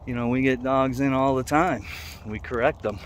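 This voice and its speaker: A dog trainer making a vlog talks casually while walking through a neighborhood, rambling in a plain-spoken, conversational way. His medium-pitched voice moves at a moderate pace, with outdoor street noise around him.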